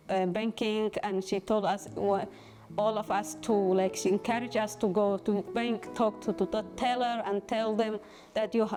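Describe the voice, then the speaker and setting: A woman from Somalia, a former student giving a halting personal testimonial. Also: mid-range voice, dark tone. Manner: halting, simple phrasing, many fillers.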